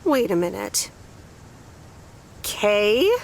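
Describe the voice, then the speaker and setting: A woman's voice: medium pitch, expressive, creaky, a little hiss or hum, full character voice. An actress playing a friendly woman in her forties back in her hometown in a video game, with a light, teasing way of talking. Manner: light, teasing, quick to laugh.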